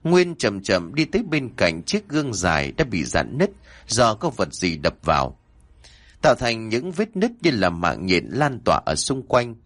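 Man, low voice, lively pitch, horror story narration, acts out dialogue. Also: unhurried.

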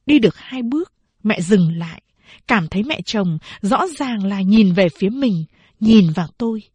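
A woman narrating a novel as an audiobook, slow and measured. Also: mid-range voice, lively intonation, darkish tone, breathy edge, no room sound.

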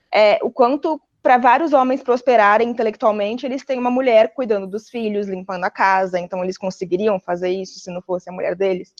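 A Brazilian woman giving animated, opinionated views as a panelist in a casual roundtable chat. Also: a little high. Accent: Brazilian Portuguese. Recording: dull lo-fi audio.

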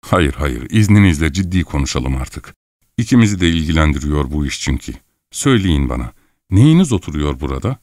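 A man's voice: a bass voice, sing-song, fairly quick, a little mellow, no echo, studio quality, pitched below the performer's own voice. A man voicing a fussy, jealous middle-aged husband in a fur coat who pleads and apologizes in a flustered way. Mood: earnest.

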